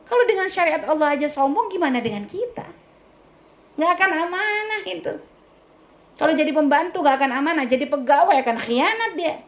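A woman's voice: sits high, expressive, brisk, a little hiss or hum. A woman religious teacher giving a lecture in a question-and-answer session, emphatic and scolding, full of rhetorical questions and speaking familiarly to her listeners.

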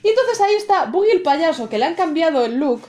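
High-voiced joking Spanish woman. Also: big pitch swings, fast talker, mellow, slight background noise. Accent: Spain Spanish. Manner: joking, swears freely, acts out scenes. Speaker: podcast co-host. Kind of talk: casual chat.

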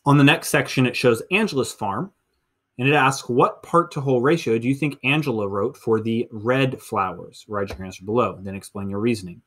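This American man in his thirties teaches middle school and is explaining a lesson one step at a time in a screencast, counting as he goes. He speaks with a mid-range, slightly bright voice at a somewhat quick clip.

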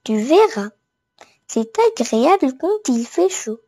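Lady doing small earnest forest critters in a toddler storybook, expressive high voice. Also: slow, slightly rough, heavily acted. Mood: inviting. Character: group of earnest, well-meaning small woodland animals.

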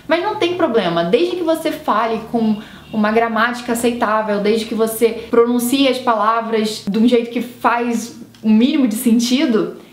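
A young Brazilian woman in her twenties with a Brazilian Portuguese accent, hosting a casual English lesson in a chatty, reassuring way. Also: fairly high pitch. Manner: chatty, reassuring, with tag questions. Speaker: English teacher and video host. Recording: roomy echo.

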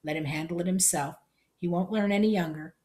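A woman reading the part of a measured, plain-spoken farm father. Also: fairly low pitch, dark tone, natural voice. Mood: calm. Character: steady, fair-minded farm father.

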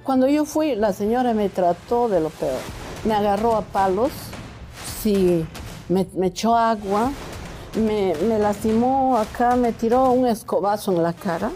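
A woman's voice: medium pitch, a little slow, warm tone, faint music behind. A woman, a lawyer and neighbor appearing as a talk show guest, telling her account insistently and with frequent restarts. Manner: insistent, repetitive, with hesitant restarts.

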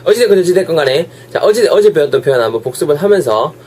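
Hoarse chatty man with a Gyeongsang accent. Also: a little high, expressive, darkish tone, a little hiss or hum. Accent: Gyeongsang Korean dialect. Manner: chatty, switches to slow drawn-out English examples. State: sore throat, coughing. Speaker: English teacher. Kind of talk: casual online English lesson.

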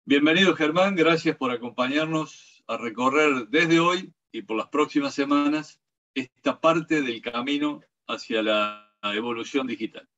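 A man's voice: medium pitch, unhurried. Formal male host reading an introduction. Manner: steady, formal, read-aloud delivery. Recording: dull lo-fi sound.

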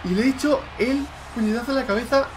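A young man from Spain with a Spanish accent, giving loud, excited commentary on his own gameplay, shouting and swearing at his opponent. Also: extremely high pitch, quick pace, faint music behind. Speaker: gaming YouTuber.

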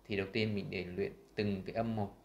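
A man with a Vietnamese accent teaching English pronunciation, saying sample words slowly and loudly between his explanations. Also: fairly low pitch, steady tone, echoey room, lo-fi sound, slight background noise. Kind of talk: screen-share lesson.

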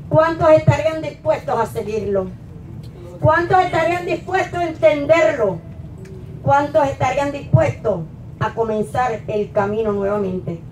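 Lady pastor preaching at the pulpit, handheld mic, echoey hall, faint noise behind. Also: darkish tone. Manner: preaching, rising to emphatic peaks then dropping low. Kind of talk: sermon. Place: small church hall, at a wooden pulpit. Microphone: handheld mic, filmed from a distant camera. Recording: echoey church hall from far off.

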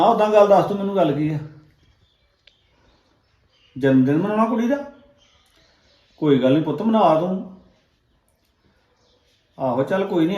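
A woman's voice: fairly low pitch, mellow. An actress playing a worried older village mother with a Punjabi accent, consoling and indignant, in a dull echoey recording with faint music.

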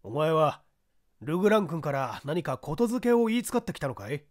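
A woman voicing a calm, educated gentleman who asks measured, gentle questions. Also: deep voice, no echo, clean studio sound, voice pushed down.

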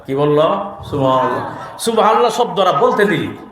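A man, preaching a waz sermon in an animated storytelling way, breaking into shouts and sung phrases and calling on the crowd to answer. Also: fairly high pitch, moderate pace, background noise. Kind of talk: Bangla waz sermon with chanted recitation. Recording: very echoey loudspeaker hall.

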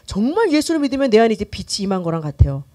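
A middle-aged woman pastor teaching a church class in a lively, conversational way, often acting out quoted voices and using many fillers. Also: mid-range voice, racing.

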